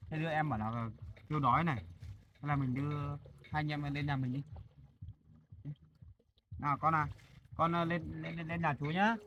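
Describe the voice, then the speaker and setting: A man talking gently and in a fatherly way, coaxing children outdoors by a mountain stream. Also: fairly high pitch. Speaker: vlogger. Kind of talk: casual vlog talk. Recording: dull lo-fi sound with faint noise.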